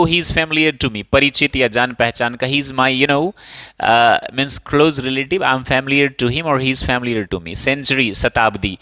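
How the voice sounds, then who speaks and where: A man with an Indian accent teaches English with a bright, forward voice. He runs through word meanings in a loose, repetitive drill, mixing in plenty of fillers. The sound is close and dry, with no room around it. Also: mid-range voice, dry recording. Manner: mixes Hindi and English, quick word drills; repeats words and leans on fillers. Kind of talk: spoken English lesson.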